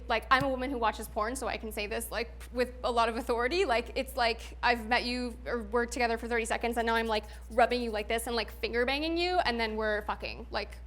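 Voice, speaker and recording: A woman's voice: on the high side, fairly bright tone. A young adult woman giving a candid talk, frank and chatty, full of "like" and "um" fillers, laughing often.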